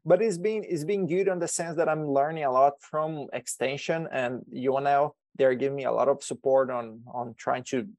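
Halting Brazilian man, dry close sound. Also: mid-range voice, fairly even intonation, darkish tone, no echo. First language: Portuguese. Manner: halting, many restarts and repeated words. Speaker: extension educator guest. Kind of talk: podcast interview.

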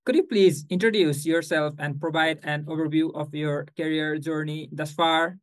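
A man's voice: fairly high pitch, fairly even intonation, normal speed, no room sound, low-quality recording. Polite young male podcast co-host. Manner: polite, formal questions. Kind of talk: interviewer.

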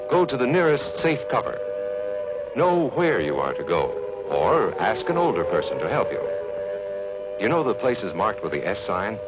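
An American man narrating a grave civil defense film from the 1950s in a measured, instructive way, as if addressing children. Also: lowish voice, very noisy. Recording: dull vintage film soundtrack.

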